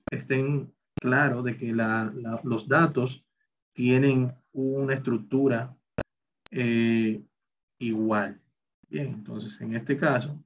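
Male instructor, a bit breathy, walks students through formulas aloud; slightly muffled recorded-class audio. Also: medium pitch, recorded from a distance. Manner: explains step by step, talks through each calculation. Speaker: Excel instructor. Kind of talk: recorded online class walkthrough.

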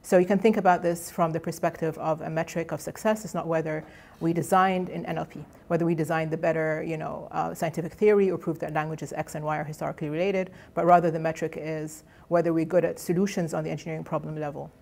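A middle-aged guest lecturer, a native Egyptian Arabic speaker, delivers an academic colloquium talk from a podium in a lecture hall. Her voice is low and a little mellow, with vocal fry and a fairly even intonation; she talks fast with few pauses. Her manner is conversational, full of fillers and frequent restarts of her phrases.

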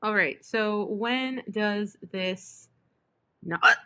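A woman's voice: medium pitch, extremely slow, bright, forceful tone, clear, resonant tone. Hiccuping young woman tutoring chemistry. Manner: apologetic, self-interrupting with "excuse me". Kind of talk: online tutoring session.

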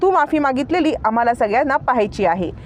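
A woman voicing a sharp-tongued young wife who taunts and scolds her sister-in-law, in a retold TV serial story. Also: high voice, lively intonation, fast talker, slight background noise. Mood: taunting.

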